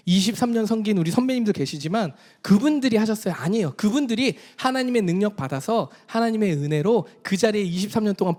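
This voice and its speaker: A middle-aged male pastor preaching a sermon, dropping to hushed, near-whispered lines and then rising to emphatic preaching. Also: sits high. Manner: acts out quoted voices in his own voice.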